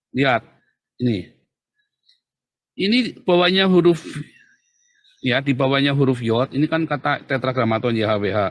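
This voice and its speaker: A man's voice: mid-range voice, fairly bright tone, no echo. Emphatic preacher man, dry sound. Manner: emphatic, rhetorical questions to listeners. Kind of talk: teaching sermon.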